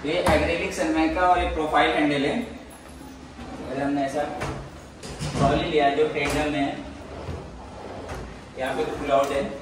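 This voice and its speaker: A young man walks an empty apartment and plainly points out each fitting. His voice bounces hard off the bare walls, and it is picked up from a distance by the camera. Steady room noise sits under his speech. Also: a little high, a little slow, pauses often, very echoey. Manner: plain, matter-of-fact pointing out of features. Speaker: interior contractor giving a home tour. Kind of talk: walkthrough tour, explaining fittings. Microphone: camera mic, filmed while walking.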